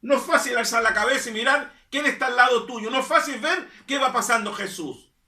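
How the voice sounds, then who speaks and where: A pastor preaching in a high, bright, ringing voice, repeating his lines for emphasis. He sits back from the microphone in an echoey church hall. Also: brisk, distant mic. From Chile. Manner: emphatic preaching, repeats phrases, calls listeners "hermano". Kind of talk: sermon. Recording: echoey room, voice from off-mic.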